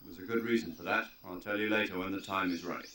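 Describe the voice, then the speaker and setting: An actor playing an authoritative male military commander in a video game, giving crisp, instructive briefings. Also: low voice, steady tone, quick pace, noisy background, natural voice. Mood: calm, instructive.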